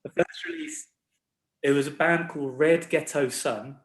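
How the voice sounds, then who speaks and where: A man's voice: on the high side, wildly swooping pitch, normal speed. A man in his forties, a record label owner, chatting casually as a guest in a laid-back, rambling, self-deprecating way. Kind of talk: casual chat. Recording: roomy echo.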